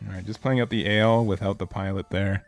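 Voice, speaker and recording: A man's voice: lowish voice, steady tone, quick pace, soft background music. A man hosting a live card game tournament stream, commentating casually in a laid-back, rambling way with self-mocking asides.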